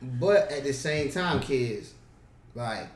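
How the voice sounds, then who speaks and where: A man co-hosting a casual basketball podcast as an assistant coach, animated and playful, slipping into slangy bench banter. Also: medium pitch, slow pace, far from the mic. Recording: roomy sound, voice off-mic.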